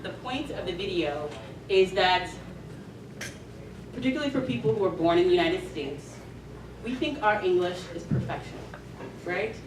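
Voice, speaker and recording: A woman giving an emergency medicine grand rounds lecture, emphatic and checking in with "right?". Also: fairly low pitch. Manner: emphatic, keeps asking "right?". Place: lecture hall. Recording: echoey hall, mic far off, noisy.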